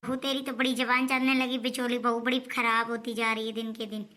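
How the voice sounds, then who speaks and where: A woman's voice: a little high, little pitch movement, brisk, pushed and bright. A woman playing a scolding, grumbling old mother-in-law in a homemade family skit. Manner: nagging, complaining.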